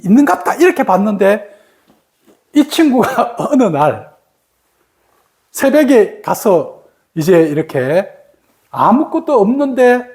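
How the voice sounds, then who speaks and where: A middle-aged meditation teacher giving a dharma talk to students, telling stories animatedly and often stopping to ask the listeners a rhetorical question. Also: high voice. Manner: animated storyteller, keeps asking rhetorical questions.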